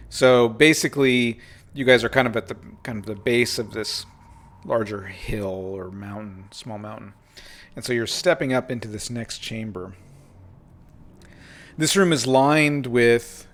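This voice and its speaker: Acting as game master for a tabletop game, a man with a mid-range voice improvises the narration in halting phrases, pausing mid-sentence.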